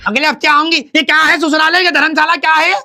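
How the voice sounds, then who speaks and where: [name], a man playing a bossy loud sister. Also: extremely high pitch, little pitch movement, fast talker, heavily acted. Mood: scolding. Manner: loud, scolding, theatrical. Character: brash young woman, bossy quarrelsome younger sister. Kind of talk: comic sketch acting.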